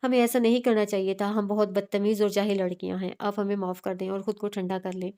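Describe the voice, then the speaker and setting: A woman voicing a flustered young female student who rushes through pleading apologies, in a storybook reading. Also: mid-range voice, flat delivery, dark tone, clear, resonant tone, close to an everyday voice.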